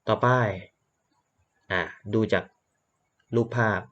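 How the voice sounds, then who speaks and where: A man's voice: slow, fairly bright tone, lo-fi sound. A man teaching English vocabulary, repeating words for drilling and explaining patiently. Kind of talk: slow classroom lesson.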